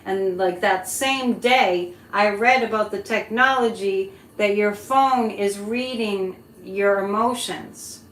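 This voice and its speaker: A woman's voice: mid-range voice, takes it slowly, few pauses, a bit bright. A woman hosting a casual psychic live stream, talking conversationally and directly to her viewers. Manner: conversational, addresses listeners directly. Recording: roomy echo, background noise.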